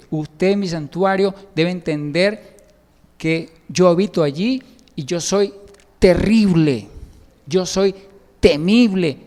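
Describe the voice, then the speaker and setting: A male preacher delivering an emphatic sermon, pressing hard on key words and calling out to his listeners. His voice sits a little higher than most men's, and it rings with a long hall reverb.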